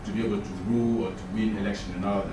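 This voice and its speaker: A man with an Ivorian accent putting a formal question from the floor in a halting, hesitant way. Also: fairly low pitch, flat delivery. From Côte d'Ivoire. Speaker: audience member asking questions. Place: echoey room at a public talk. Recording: very echoey, distant, noisy room pickup.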